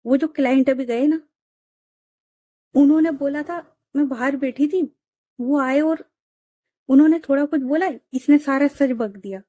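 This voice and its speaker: A woman's voice: sits high, moderate pace, long pauses, dark tone, dry recording, studio quality, natural voice. A woman voicing a young woman, a playful younger sister who whines and teases in an audio story. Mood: whiny. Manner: whiny, teasing.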